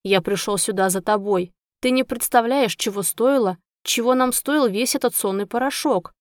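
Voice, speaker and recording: A woman's voice: a little high, normal speed, no echo, lightly acted. Woman voicing a young male hunter, brooding, jealous, curt, bitter, audiobook, dry sound. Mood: indignant.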